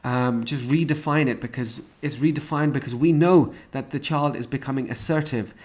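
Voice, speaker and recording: A man's voice: mid-range voice, moderate pace, darkish tone. A man delivers a recorded parenting lesson, explaining stages and examples one after another. His voice sits in an ordinary middle range. He often stops and restarts a phrase before carrying on. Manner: explanatory, with frequent restarts and fillers; walks through examples and stages step by step. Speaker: parenting course instructor. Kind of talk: recorded course lecture.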